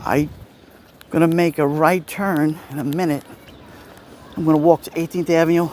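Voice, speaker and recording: A middle-aged man with an Italian-American Brooklyn accent speaks in a slightly high, darkish voice with a steady tone at normal speed. As a livestream host walking outdoors on a city street, he chats casually and replies to viewers. Outdoor street noise fills the recording, with street ambience and passing vehicles.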